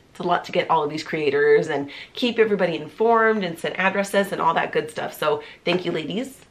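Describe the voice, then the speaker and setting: A bubbly, talkative vlogger in her thirties chats to camera, seated before a pink wall in a small indoor room. Her lowish, slightly bright voice is nasal and congested from a cold, and she leans heavily on "like."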